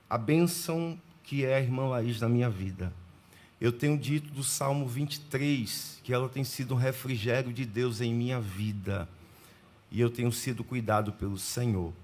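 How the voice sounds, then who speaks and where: A guest preacher from Pernambuco, Brazil, addresses a church sanctuary in a formal, deliberate sermon. His middle-pitched voice has a somewhat dark tone as he greets the congregation and reads scripture with measured pauses.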